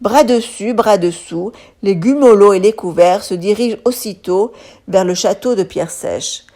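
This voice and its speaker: A woman storyteller reading a children's tale aloud. Her reading is expressive and animated, at a middle pitch for a woman. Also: a little slow.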